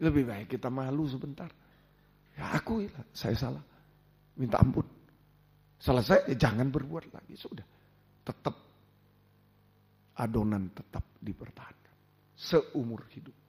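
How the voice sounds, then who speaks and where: A man preaching a sermon as a pastor in a church, fervent, with sudden shouts and repeated warnings. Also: medium pitch, husky. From Indonesia.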